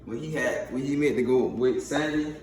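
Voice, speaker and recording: A man's voice: mid-range voice, normal speed, recorded from a distance, crowd noise. A man in casual, teasing banter, arguing playfully and repeating himself. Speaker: vlog co-host. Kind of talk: casual chat. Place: home kitchen, indoors. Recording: echoey room with faint noise.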